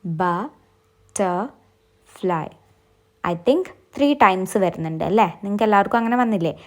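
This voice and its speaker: A woman's voice: mid-range voice, lively intonation, fast, darkish tone. A woman with a Malayali accent giving a step-by-step exam-prep lesson, asking viewers to try along. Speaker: English teacher.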